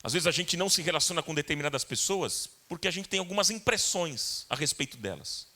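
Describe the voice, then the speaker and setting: A man with a Brazilian Portuguese accent preaches a sermon to his congregation in church, speaking directly to them. His slightly high voice is expressive, brisk, and sharp, and his delivery is earnest and repetitive.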